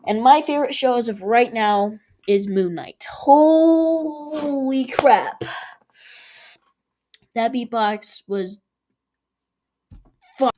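Woman vlog host, casual review, excitable, rambling, many fillers and restarts. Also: mid-range voice, normal speed, few pauses. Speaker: channel host ranking shows.

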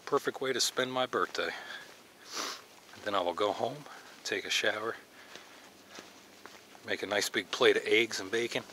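This middle-aged hiking vlogger speaks at normal speed with long pauses, his fairly low voice sounding bright and forceful. He muses enthusiastically while walking wooded mountain paths, recorded on an action camera that picks up slight hiss or hum.

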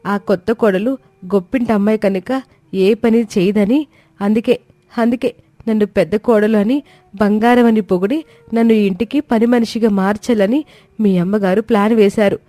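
A woman's voice: medium pitch, fairly even intonation, normal speed, warm tone, dry recording, natural voice. A woman voicing a wronged young daughter-in-law who speaks in a pleading, distressed way. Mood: accusing.

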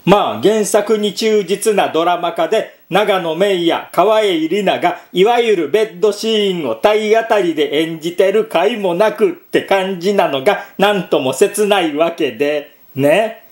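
A man's voice: high-pitched, measured pace, few pauses, echoey room. A man hosting a solo commentary podcast, chatting and reading quotes aloud with frequent filler sounds. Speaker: podcast host.

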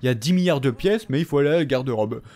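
A young man gives casual, very fast let's-play commentary in a medium-pitched, expressive, slightly mellow voice. He chats with the characters on screen, talking back to them and swearing jokingly.

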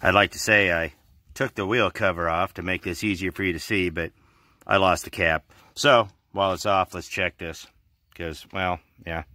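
A man in his forties with a lowish, bright voice, talking in an offhand, plainspoken way while he works on his car. He films himself at arm's length inside the car and out in a driveway. The sound is dry and close. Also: dry recording. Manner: plainspoken, offhand, lots of fillers. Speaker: vlogger doing car maintenance. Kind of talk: casual how-to vlog. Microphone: handheld camera at arm's length.

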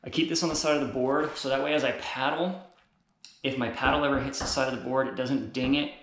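A man in his thirties gives a casual how-to while he works, at an ordinary middle pitch. He talks in a relaxed way and often doubles up his words. He is recorded by a camera across a small bare room with strong echo, and the camera is sometimes held close. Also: fast. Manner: relaxed, repeats words as he goes. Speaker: outdoor gear channel host. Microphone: camera on a stand across the room, later held close.

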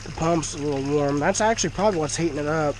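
He talks fast in a slightly high voice, clearly stuffed up and speaking through a blocked nose. In a casual vlog shot on the action camera he's wearing, he chats in a folksy way about his fish tank in a dim cinder-block shed, with slight background noise.

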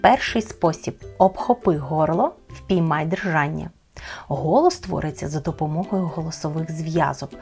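A woman teacher explaining speech sounds in a clear, deliberate children's lesson. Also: low voice, expressive, a little mellow, soft background music.

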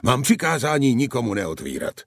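A man's voice: medium pitch, sing-song, gravelly, no echo, studio quality, voice pushed up. A man voicing a fearful peasant gatekeeper in an audiobook, with a cracked voice and a wailing, begging manner. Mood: pleading. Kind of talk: audiobook character voice.

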